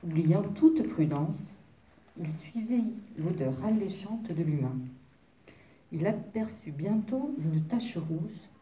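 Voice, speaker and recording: A woman narrating a children's story with an expressive, lively reading. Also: fairly low pitch, slow, a little hiss or hum. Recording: roomy, distant, dull sound.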